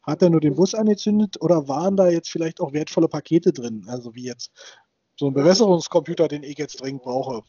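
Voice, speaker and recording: A man's voice: fairly high pitch, fast, warm tone, slightly rough, dry recording. A man in his thirties co-hosting a casual podcast, rambling with many fillers and restarts. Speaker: podcast co-host. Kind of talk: casual chat. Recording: dull dry sound.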